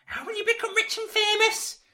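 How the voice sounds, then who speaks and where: A woman playing an exasperated mother who scolds her daughter in a shouting panto style. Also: very high-pitched, a little fast, heavily acted. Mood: scolding.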